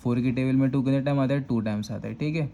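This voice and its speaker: A man's voice: medium pitch, steady tone, quick pace, warm tone. A man with a Karachi Urdu accent teaching a step-by-step math lesson, patiently repeating "thik hai" to check that students follow. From Pakistan.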